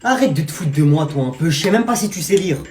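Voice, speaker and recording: Man doing a stern scolding father, loud, exasperated, lively voice. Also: a little high, quick pace, echoey room, faint music behind, pitched below the performer's own voice, close to an everyday voice.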